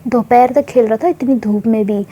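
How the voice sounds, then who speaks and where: A woman's voice: a little high, normal speed, warm tone, breathy edge. A woman voicing a nosy neighbor aunty who tattles in a spoken story. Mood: prying. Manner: prying, tattling.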